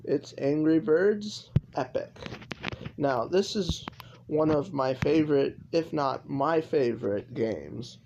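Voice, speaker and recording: Young male gaming commentator, raised pitch, lively delivery, faint background hiss. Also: rough recording. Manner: rambling, lots of likes and restarts. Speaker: gaming YouTuber. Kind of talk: casual commentary over gameplay.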